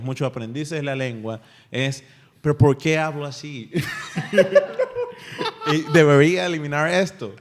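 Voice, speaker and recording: Lively Spanish-speaking man hosting. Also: fairly high pitch. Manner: energetic and laughing. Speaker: podcast host. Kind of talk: casual podcast chat.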